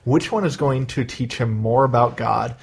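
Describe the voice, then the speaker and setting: A man with a Midwestern American accent hosting a podcast in casual chat, animated and given to emphatic mock rants. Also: mid-range voice, moderate pace, vocal fry, husky. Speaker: podcast host.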